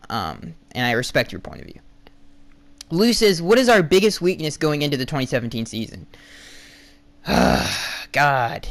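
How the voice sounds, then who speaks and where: A young man hosting a casual solo podcast, answering fan questions bluntly with lots of restarts, his voice going hoarse. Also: on the high side, a bit bright. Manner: rambling, restarts and fillers, blunt opinions. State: losing his voice.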